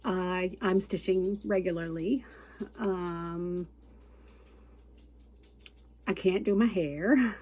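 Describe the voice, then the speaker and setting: A middle-aged woman from Canada chats to her viewers in a homey, rambling way, full of little fillers and soft laughs. She has a cold and talks around a cough drop, and her voice sits a little on the low side. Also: very slow, long pauses. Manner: chatty and homey, with frequent fillers and light laughs. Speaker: cross-stitch and quilt pattern designer, channel host. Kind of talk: casual chat to camera.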